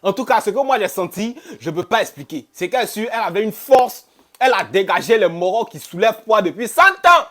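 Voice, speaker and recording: A man's voice: high-pitched, fairly quick. A man telling a true-life story casually, quoting other people's words and repeating phrases for effect. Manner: animated, repeats phrases, quotes others in dialogue. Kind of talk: casual first-person storytelling.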